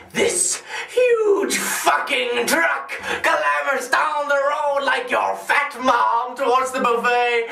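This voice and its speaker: An actor playing a deranged, gleeful, sadistic clown supervillain in a theatrical monologue, mocking and erratic, recorded with a roomy echo. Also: male voice, high-pitched, creaky, far from the mic, full character voice. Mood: manic, relishing. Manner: theatrical, mocking, erratic swings between whispering and shouting.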